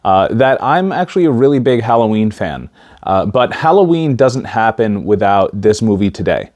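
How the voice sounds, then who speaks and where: Guy doing a casual movie review, kinda low voice, halting, mouth stiff after wisdom teeth removal. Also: sing-song, darkish tone. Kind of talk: casual talk to camera.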